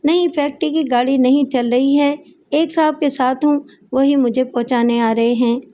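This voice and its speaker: A woman's voice: high voice, steady tone, moderate pace, warm tone, lightly acted. A woman voicing a young factory worker who pleads and dodges questions in an audiobook story. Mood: pleading. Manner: pleading, evasive. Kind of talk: audiobook character voice.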